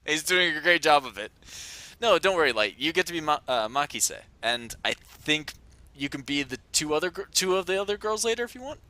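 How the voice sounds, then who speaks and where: A man's voice: fairly high pitch, expressive, fairly quick, pushed and bright. A man hosting a let's play, chatting casually with friends. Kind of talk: casual gaming chat among friends.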